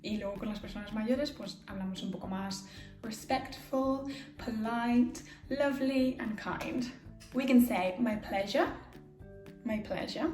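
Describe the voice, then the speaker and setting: A little slow and a little mellow, this woman's fairly high voice carries an English accent as she patiently walks through phrases, alternating English and Spanish. She's an English teacher from England, recorded in a roomy space with soft music behind her.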